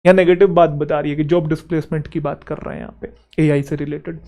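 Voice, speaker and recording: A man teaching English grammar for exam preparation, explaining step by step and checking in with quick rhetorical questions. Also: on the high side, flat delivery, a little mellow. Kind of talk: Hindi exam-prep lecture.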